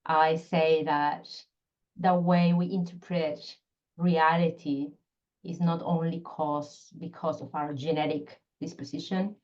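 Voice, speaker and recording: Low-voiced woman with a Peruvian accent. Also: level tone, slow pace, darkish tone, muffled recording. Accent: Peruvian Spanish. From Peru. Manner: thoughtful, explanatory, searching for words. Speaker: guest, constellation facilitator and scientist. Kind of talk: podcast interview.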